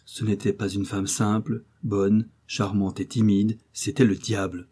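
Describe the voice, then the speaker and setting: Brief: male audiobook narrator, low, husky, measured storytelling. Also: little pitch movement, warm tone. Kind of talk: scripted literary narration.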